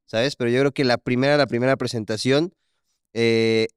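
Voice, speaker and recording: A man's voice: mid-range voice, normal speed, smooth, no echo, clean studio sound. A young man with a Mexican accent, co-hosting a casual podcast, who tells stories animatedly and acts out the lines of the people in them. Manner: animated storytelling, acts out quotes. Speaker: podcast co-host. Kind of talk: casual chat.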